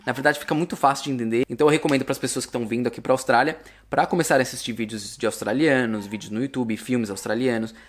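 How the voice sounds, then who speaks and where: Chatty Brazilian man explaining pronunciation. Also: medium pitch. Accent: Brazilian Portuguese. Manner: chatty, repeats sample words slowly. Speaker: vlogger teaching English. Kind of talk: casual explanatory vlog.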